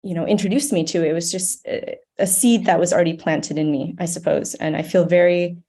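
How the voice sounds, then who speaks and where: An American woman who grew up in Ohio speaks as a podcast guest and nonprofit board member. Her voice sits on the low side and has a dark tone, staying steady while moving fairly quickly. She comes across as earnest and thoughtful, talking in a reflective, conversational way.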